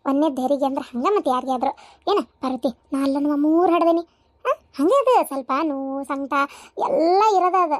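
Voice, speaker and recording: A woman voicing a meddling, gossipy older village aunt in a cartoon, with a North Karnataka accent and a shrill, scolding way of talking. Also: fairly quick, darkish tone, no echo, lightly acted. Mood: soothing. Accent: North Karnataka Kannada. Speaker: aunt at a childbirth. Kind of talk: cartoon voice acting.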